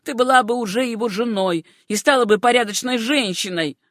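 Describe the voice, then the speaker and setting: A scornful middle-aged uncle who scolds and bullies, loud and cutting in every line, as a woman reads him. The voice sits a touch above a usual male register and sounds close and dry. It is audiobook reading rather than full acting. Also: a little high, a little fast, no room sound, close to an everyday voice. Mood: angry scolding. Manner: harsh, scolding, contemptuous.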